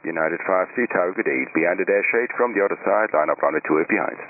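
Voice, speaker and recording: Low-voiced man on air traffic control radio. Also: fast talker. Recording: narrow, hissy VHF radio transmission.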